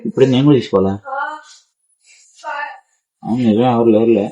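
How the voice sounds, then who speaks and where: A young man from India, a student, acting out a comedy skit in an animated, pleading way with rapid bursts of speech. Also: medium pitch, dull audio, crowd noise. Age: young adult.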